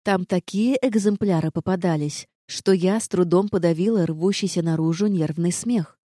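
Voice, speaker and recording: A woman reading a fantasy story aloud in the first person, calm and even in her storytelling. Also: fairly low pitch, moderate pace, dry recording, studio quality. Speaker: audiobook narrator. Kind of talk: first-person audiobook narration.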